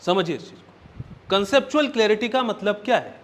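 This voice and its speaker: Young male exam coach, fairly high voice, lectures step by step with frequent check-ins. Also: big pitch swings, brisk, a bit bright. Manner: checks in often with "right?" and "okay?"; explains step by step, counting points aloud. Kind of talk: classroom lecture.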